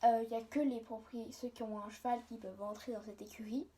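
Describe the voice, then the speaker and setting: A woman's voice: on the high side, fairly even intonation, fast talker, warm tone. A young woman chatting casually and hesitantly in a homemade vlog, often interrupting herself, with colloquial, mildly sweary wording, recorded on a phone. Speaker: hobby video creator. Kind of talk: casual vlog, rambling chat while showing a toy collection. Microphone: phone on a tripod or handheld. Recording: phone recording with clear background noise.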